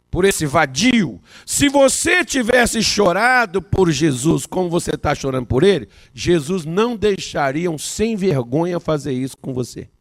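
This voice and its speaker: Man, pastor preaching, high lively voice, dry close sound. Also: no echo. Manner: alternates quiet storytelling with loud preaching peaks; acts out both sides of a counseling story. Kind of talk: sermon.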